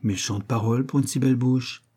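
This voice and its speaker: A man reading aloud voices a composed young nobleman with a calm, dry, gently ironic manner. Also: mid-range voice, brisk, slightly rough, close to an everyday voice. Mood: aloof.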